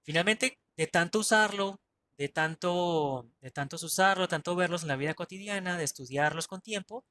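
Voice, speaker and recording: A man's voice: high voice, moderate pace, bright, forceful tone, slight background noise. A man teaching an online Mandarin class, chatty and self-correcting, often checking in with his students.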